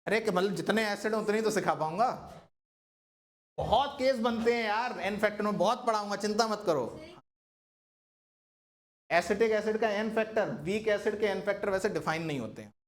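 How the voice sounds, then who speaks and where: A man's voice: high voice, normal speed, long pauses. A man teaching a chemistry class, constantly asking his students questions and coaxing them to answer. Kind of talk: classroom lecture.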